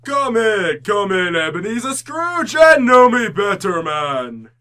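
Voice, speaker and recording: A jolly giant spirit declaims in a high, bright voice. He is commanding and theatrical, drawing out his words slowly in old-time radio style. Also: very animated, exaggerated voice. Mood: booming, commanding. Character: jolly giant ghost, grand, solemn and commanding.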